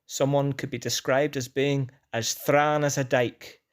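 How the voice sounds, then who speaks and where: A man's voice: mid-range voice, little pitch movement, smooth. Northern Irish man reading an educational script. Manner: measured dictionary-style delivery with definitions and examples. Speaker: language teacher presenting a word list.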